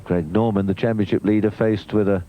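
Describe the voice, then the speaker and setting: A man's voice: lowish voice, steady tone, fairly quick, muffled recording. A man giving live golf commentary, musing in colloquial turns of phrase as a golf commentator. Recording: noisy 1990s TV broadcast.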